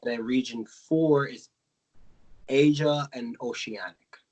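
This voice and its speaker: A man's voice: mid-range voice, fairly even intonation, slow, a little mellow, dull audio. A man from the United States co-hosting a casual podcast, explaining at length with many fillers and self-corrections. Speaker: podcast co-host.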